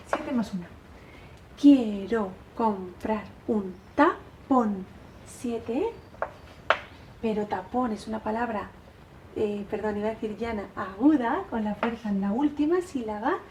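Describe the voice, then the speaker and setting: A woman teacher gives a patient, encouraging lesson to her pupils, checking in with "¿vale?" and chanting verses slowly to count their syllables. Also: fairly high pitch, dark tone, slight background noise. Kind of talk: recorded literature lesson for pupils.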